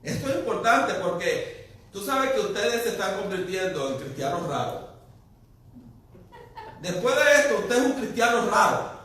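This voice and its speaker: A man preaching a sermon, asking the congregation rhetorical questions and swinging between quiet, low passages and loud, emphatic ones. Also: expressive, normal speed, long pauses. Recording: very echoey room, distant mic.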